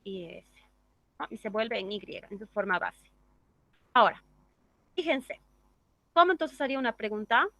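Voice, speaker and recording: A woman's voice: on the high side, animated, moderate pace, long pauses, pushed and bright, dry recording. A woman teaching an English grammar class, explaining step by step and checking in with the class through tag questions. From Bolivia.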